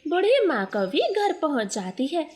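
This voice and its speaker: A woman narrating a storybook cartoon in an expressive storytelling manner. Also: sits high, unhurried. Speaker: narrator and voice of all characters.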